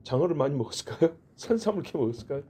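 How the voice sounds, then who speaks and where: Middle-aged guy preaching at early service, dark husky voice, chatty, lots of questions to the room. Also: a little high, expressive, very fast. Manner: conversational preaching with rhetorical questions and joking asides. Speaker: pastor. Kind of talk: sermon. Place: church.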